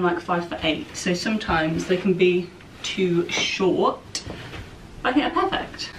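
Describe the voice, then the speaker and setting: A young woman talks her way through a try-on haul, rambling and casual, with plenty of "like" and "um". Her voice sits a little low. She is recorded from across the room, with a constant hiss underneath. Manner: chatty, rambling, filled with "like" and "um". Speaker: fashion vlogger. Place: home, indoors. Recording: distant camera mic with steady background noise.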